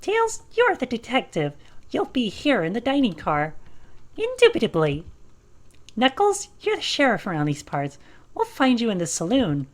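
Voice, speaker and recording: A bossy, cheerful young party hostess, played by a woman, hands out orders in a bright, commanding tone. Her voice sits noticeably higher than ordinary talk, with plenty of lift. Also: huge pitch swings, normal speed.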